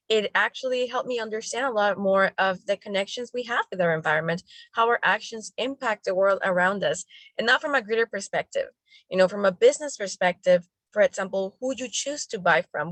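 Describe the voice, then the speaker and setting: A woman's voice: medium pitch, no echo. A young woman from the Dominican Republic speaking enthusiastically as a panelist. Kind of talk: panel discussion.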